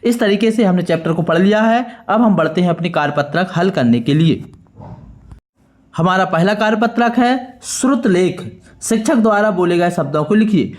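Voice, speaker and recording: A male teacher from Madhya Pradesh, speaking Hindi with a local accent, going through a school worksheet and dictating words slowly and clearly. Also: high voice, lively intonation. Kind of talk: worksheet lesson for school pupils.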